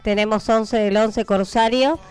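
A woman with an Argentine accent, chatting on a radio program as an event producer. She talks in a rambling, hesitant way, full of fillers and restarts. Her voice is smooth and clear, with faint music behind. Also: a little high, fairly even intonation, unhurried, darkish tone. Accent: Argentine Spanish. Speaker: event producer and press agent. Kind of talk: radio interview, promoting shows.

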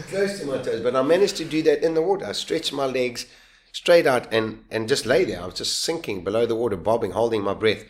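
In an interview, a man with a medium-pitched voice recounts how he survived, speaking in a relaxed, lively way. He frequently starts sentences over and laughs at himself.

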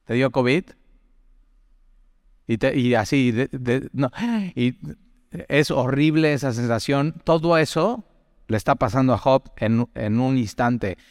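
A man's voice: mid-range voice, no echo, studio quality, big-room sound. A man teaching from the Bible in a chatty way, putting direct questions to the listener and telling personal stories.

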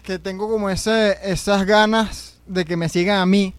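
A man's voice: sits high, fairly even intonation, a little slow, smooth, dry recording. A man with a Venezuelan accent hosting a podcast, talking in a loose, slangy, hesitant way. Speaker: podcast host. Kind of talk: casual podcast chat.

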